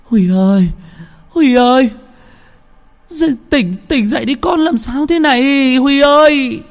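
Man doing a fretful old granny in a spoken ghost story, high and strained. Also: measured pace, creaky, heavily acted. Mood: frantic. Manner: anxious, calling out. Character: worried old grandmother calling for her son.

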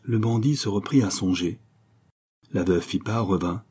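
A man narrating a novel in a steady, measured way. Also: deep voice, husky. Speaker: audiobook narrator. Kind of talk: reading a novel aloud.

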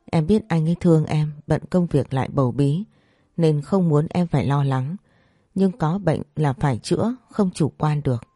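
A woman voicing a frightened young pregnant wife, asking anxious, pleading questions in a low, dark voice. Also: normal speed, no echo, studio quality.

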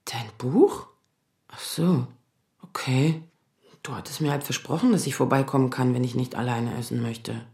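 A woman voicing a weary lawyer in her thirties who tries to stay calm with her mother, read as an audiobook. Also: on the high side, moderate pace, echoey room. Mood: hurt. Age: 30s. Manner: exasperated, trying to stay calm. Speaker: asylum lawyer. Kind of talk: audiobook reading.

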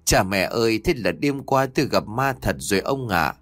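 A man voicing a frightened, gentle old grandmother in a spoken ghost story, calling out in a raised voice. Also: fairly low pitch, lively intonation, moderate pace, no room sound, faint music behind. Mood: shaken.

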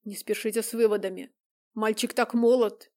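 A woman's voice: fairly high pitch, fairly even intonation, normal speed, darkish tone, lightly acted. A woman reader voicing an anxious older stepfather who presses with questions and pleads for mercy. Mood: imploring. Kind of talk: audiobook character reading.

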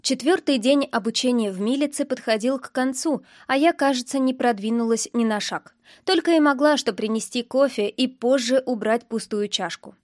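Woman reading a novel out loud, first person, calm, higher voice, dry close sound. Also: normal speed, dry recording. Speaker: audiobook narrator.

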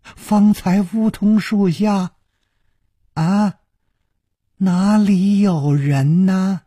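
A flustered old nun drags her words out in a high, quavering voice, put on by a husky male storyteller. The tone is rough and breathy, and the sound is dry and close. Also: steady tone, extremely slow, dark tone, no room sound, exaggerated voice. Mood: puzzled. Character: older female nun, flustered and puzzled. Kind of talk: storytelling performance.

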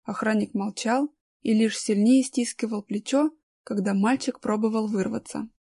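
A woman narrating a children's story in an expressive, lively way. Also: a little high, moderate pace, gravelly, husky, no room sound, studio quality.

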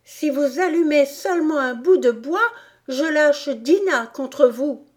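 A sharp-tongued little girl, as a woman reader puts her on, pitched well above the reader's own voice and swinging up into cries of warning. She speaks slowly and with weight, in a darker, mellow tone. The storybook girl sounds curious but quick to anger. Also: expressive. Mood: threatening. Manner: raised, higher voice when shouting threats. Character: curious young girl, bold and indignant.

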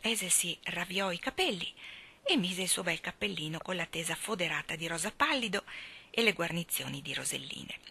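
A woman reading a novel aloud as an audiobook narrator, in a calm, measured, soft way. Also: fairly low pitch, creaky, breathy edge. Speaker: audiobook reader.

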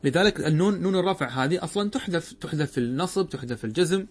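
Male sheikh teaching a classroom grammar lesson. Slightly high voice, methodical, drawls out example words. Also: lively intonation, racing, slightly rough. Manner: explains step by step, asks and answers his own questions.

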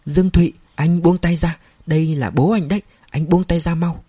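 An anxious young mother, as a male narrator puts her on, pleading in a soft, lifted voice. The tone stays dark and husky underneath, read close and dry like a storybook. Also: medium pitch, lively intonation, moderate pace, no echo. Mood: pleading urgent. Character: young woman, anxious, self-blaming mother.

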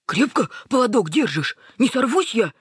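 Woman doing a shrill snobbish little dog. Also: moderate pace, slightly rough, dry recording, clean studio sound, heavily acted. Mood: fussy. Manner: shrill, excitable, bossy. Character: snobbish, hysterical small female dog.

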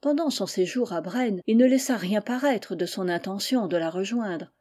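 Cunning stepmother queen for an audiobook, soft insinuating delivery, warm mellow tone, read by a woman. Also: medium pitch, animated, moderate pace, natural voice.

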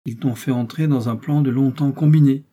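A man's voice: medium pitch, fairly even intonation, brisk, mellow, close to an everyday voice. A man reading a curt, commanding detective. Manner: curt, authoritative questioning. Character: sharp, commanding male detective. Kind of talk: audiobook character reading.

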